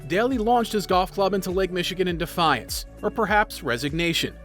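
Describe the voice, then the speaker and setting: Casting: male narrator, notably high voice, dramatic scripted storytelling for video, music underneath. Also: a little fast, fairly bright tone.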